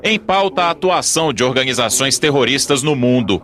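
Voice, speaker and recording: A Brazilian man delivering a scripted news report in a steady, formal tone. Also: mid-range voice, fairly quick. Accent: Brazilian Portuguese.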